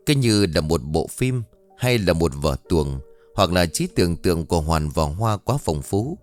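A man narrating a dark story in a dramatic, lively storytelling manner. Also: deep voice, a little slow, faint music behind.

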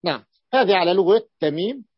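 A man from the Levant with a Levantine Arabic accent, a sheikh giving a classroom lecture and repeating words slowly to stress them. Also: high-pitched, lively intonation, slightly rough, dry recording. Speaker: sheikh teaching grammar. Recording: dull lo-fi recording.

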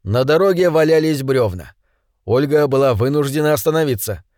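A man's voice: medium pitch, expressive, fairly quick, darkish tone, no echo. Male audiobook narrator, dry sound. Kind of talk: scripted narration.

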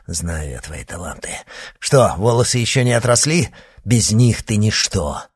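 A man's voice: animated, unhurried, slightly rough. A man doing a grim young werewolf heir. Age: young adult. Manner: low, grim questioning.

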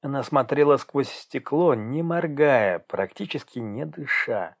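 A man narrating an audiobook in a measured, even storytelling manner. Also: medium pitch. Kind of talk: scripted narration.

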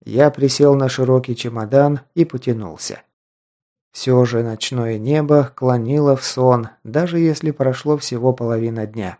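A man narrating a first-person audiobook in a measured, even storytelling manner. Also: medium pitch.

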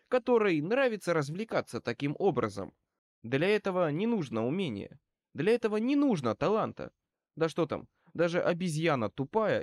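A man reading an audiobook as a male wizard private eye who speaks wryly and with calm menace. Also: a little high, no echo, clean studio sound, voice pushed up. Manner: wry, calmly threatening.

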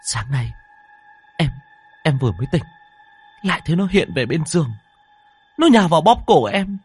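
A man's voice: extremely high pitch, expressive, brisk, slightly rough, no room sound, soft background music, voice pushed up, full character voice. A man voicing a terrified young woman in a hospital, screaming and pleading in fear. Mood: frightened pleading. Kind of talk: audiobook narration.

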